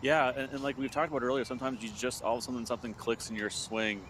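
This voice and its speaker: A man's voice: mid-range voice, little pitch movement, fast, a bit bright, slight background noise. A man giving casual live golf commentary as an analyst.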